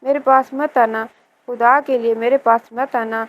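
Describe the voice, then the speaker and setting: A woman's voice: a little high, fairly even intonation, a little hiss or hum, lightly acted. Woman reading as a frightened young wife. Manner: fearful and pleading.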